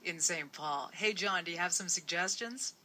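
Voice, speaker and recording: Public radio host, female, American. Lowish, crisp-edged bright tone, informal and upbeat interviewing style. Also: moderate pace, a little hiss or hum. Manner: chatty, informal, enthusiastic. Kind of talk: live radio interview and call-in hosting.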